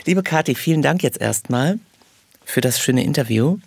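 A man's voice: mid-range voice, lively intonation, normal speed, creaky, husky, no room sound. A man hosting a podcast interview in a studio, asking questions and wrapping up with friendly thanks. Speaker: podcast host.

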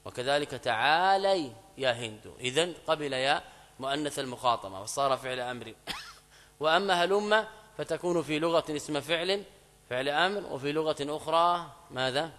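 A man teaching an Arabic grammar lesson in a mosque. He explains step by step, repeats key phrases, asks students checking questions, and reads quoted examples slowly and louder. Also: fairly high pitch. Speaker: Islamic scholar teaching grammar. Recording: long mosque reverb.

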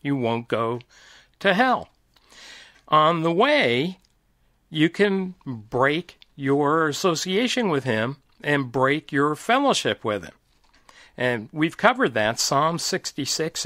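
Middle-aged male Bible teacher, slow and animated, close dry mic. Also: a little high, no echo. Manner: slow, deliberate, explanatory. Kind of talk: informal Bible teaching monologue.

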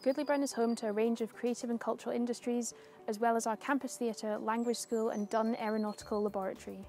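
A young woman giving a scripted guided tour, calm and informative like a guide, speaking clearly. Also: a little high, fast. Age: young adult. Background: background music.

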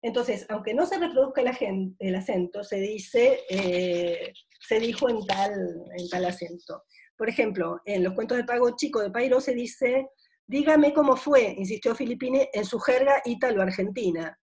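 A middle-aged woman, a university professor, giving an academic conference talk in a thoughtful way, often pausing on drawn-out fillers as she searches for words. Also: medium pitch, darkish tone.

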